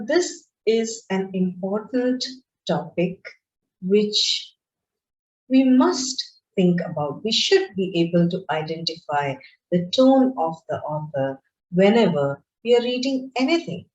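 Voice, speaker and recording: Slow-paced woman lecturing, lively pitch. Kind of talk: online lecture. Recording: roomy, dull lo-fi screen-share recording.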